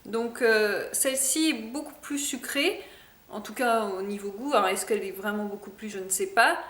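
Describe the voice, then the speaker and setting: A woman's voice: medium pitch, normal speed, a bit bright, reverberant. A woman chatting casually in a product review vlog, hesitant with many fillers. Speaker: vlogger.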